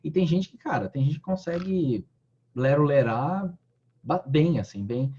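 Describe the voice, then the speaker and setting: A man's voice: a little high, animated, unhurried, dark tone, breathy edge, muffled recording. A man giving a casual online training talk, often restarting his sentences and using fillers. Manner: hesitant, many restarts and fillers.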